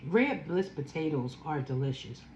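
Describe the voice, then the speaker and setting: A woman's voice: sits low, animated, a little mellow, reverberant, a little hiss or hum, poor audio. A woman in her fifties with a Philadelphia accent, chatting casually while eating a seafood boil and savoring each bite. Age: 50s. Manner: slow, savoring, chatty with food sounds. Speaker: food vlogger.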